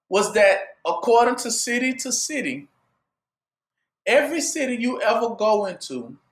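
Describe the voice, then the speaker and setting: A man with a high, ringing voice preaches a sermon in a call-and-response manner, posing questions for his listeners to complete. His bright tone carries through a reverberant room.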